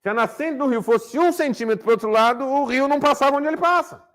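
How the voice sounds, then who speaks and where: Speaking at an extremely high pitch and a quick pace, with a slightly bright voice, a therapist addresses a men's group with a motivational talk. Along the way he poses rhetorical questions and plays out small dialogues.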